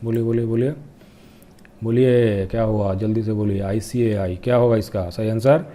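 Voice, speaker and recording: A young man teaching an exam-prep quiz lesson, repeating each answer and pressing viewers to comment quickly. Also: on the low side, fairly even intonation, warm tone. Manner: reads English questions out slowly. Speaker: current affairs teacher.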